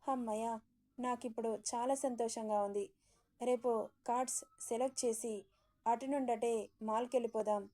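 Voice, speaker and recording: A woman voicing a bossy, chatty middle-aged mother-in-law who scolds with brisk questions. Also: a little high, steady tone, mellow, lightly acted.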